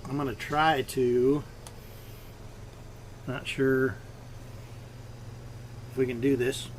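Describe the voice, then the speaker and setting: A man's voice: mid-range voice, flat delivery, takes it slowly, slight background noise. A man hosting a live stream from his home fish room, casually explaining his fish while he works on the tanks.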